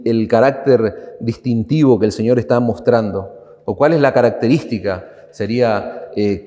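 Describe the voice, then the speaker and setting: A man's voice: mid-range voice, a little mellow. A male pastor with an Argentine Spanish accent preaching a sermon, emphatic and repeating phrases for stress. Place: church sanctuary. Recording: church hall reverb.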